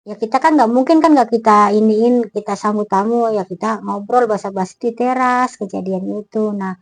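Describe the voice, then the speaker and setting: Middle-aged woman, casual storyteller, chatty and animated with quoted dialogue, dry close recording. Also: medium pitch, moderate pace, dry recording, rough recording. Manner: chatty, acts out quoted dialogue, many fillers like gitu. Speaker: storyteller sharing a personal ghost story.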